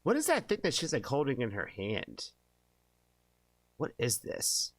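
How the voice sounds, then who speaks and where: A man's voice: medium pitch, wildly swooping pitch, measured pace, no echo. A young man hosting a music reaction channel, chatting casually and rambling with many fillers and restarts. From born in Japan, left as an infant.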